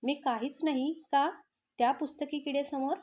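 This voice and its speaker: A woman's voice: high-pitched, fairly even intonation, normal speed, warm tone, natural voice. A woman voicing a jealous, hot-tempered young man who snaps and taunts. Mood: angry. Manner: angry, taunting.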